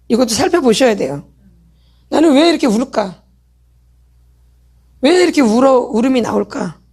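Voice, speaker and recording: A woman's voice: high voice, a little mellow. A middle-aged woman leading a church healing meeting who keeps asking the audience questions and answering them herself. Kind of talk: sermon lecture with call-and-response questions.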